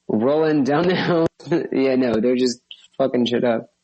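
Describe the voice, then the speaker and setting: A man's voice: medium pitch, slow, a little mellow, rough recording. A man co-hosting a podcast in casual chat, joking and teasing, laughing often. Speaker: podcast co-host.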